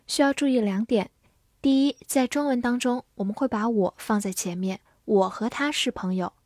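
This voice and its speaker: Lady teaching english words, reads sentences real slow, dry close sound. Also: mid-range voice, dry recording. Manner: spells words letter by letter, reads example sentences slowly. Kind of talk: scripted vocabulary lesson.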